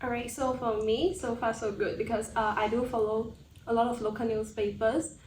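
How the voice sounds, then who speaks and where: A young woman from Malaysia, a student guest answering questions in a steady, casual way. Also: on the high side, normal speed, slight background noise. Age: young adult. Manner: steady, opens answers with "alright, so". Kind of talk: casual chat. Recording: echoey room, distant mic, faint ambience.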